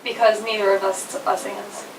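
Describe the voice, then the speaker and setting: A woman's voice: mid-range voice, flat delivery, fairly quick, a crowd in the background. A young woman co-hosting a casual chat, playfully echoing her friend's words. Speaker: YouTube co-host. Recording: roomy, distant mic with faint noise.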